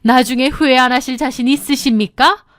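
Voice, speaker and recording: A woman voicing a composed middle-aged mother who speaks in a cold, firm, measured way. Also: sits high, steady tone, a bit bright, dry recording, studio quality. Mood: cold, threatening.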